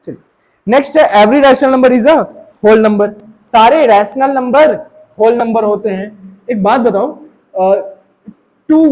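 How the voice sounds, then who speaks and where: This Indian man teaches maths to students in Hindi, borrowing English words for the maths and pausing to check comprehension. His voice is extremely high and a little mellow, and the audio is poor.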